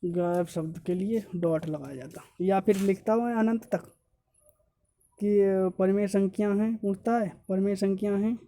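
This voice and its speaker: A man's voice: sits high, steady tone, normal speed, warm tone. A male teacher giving an exam-prep grammar lesson, repeating points and correcting himself often as he explains step by step.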